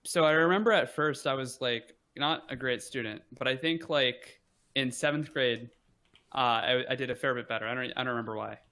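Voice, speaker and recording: A young adult man with a mid-range voice talks fairly quickly as a podcast guest in a casual conversation. He's relaxed and rambling, saying "like" a lot and tossing in self-deprecating asides.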